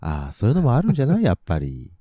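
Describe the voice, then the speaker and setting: Middle aged guy, nagoya mixed with kansai accent, chatty n agreeable, very animated pitch, dry sound. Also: rapid-fire, dry recording. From Nagoya area, Japan. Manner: agreeable, repeats affirmations. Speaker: podcast co-host. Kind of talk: casual chat.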